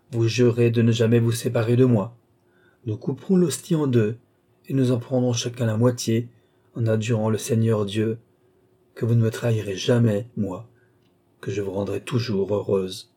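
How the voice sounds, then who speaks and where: A mysterious man keeps his captive in line with calm, sorrowful persuasion, played by the reader himself. His tone is very dark and mellow, roughened by a husky edge. The storybook delivery stays gentle but never yields. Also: mid-range voice, natural voice. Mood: persuasive. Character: man, a mysterious captor, sad and insistent.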